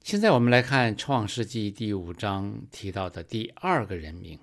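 A man preaching a sermon in a slow, measured storytelling manner, rising for emphasis. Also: lowish voice, animated, vocal fry.

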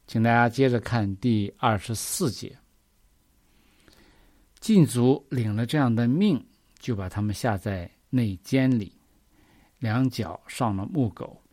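A man's voice: mid-range voice, darkish tone, dry recording, studio quality. A man preaching a sermon, reading scripture verses and explaining them earnestly, often asking the listeners questions.

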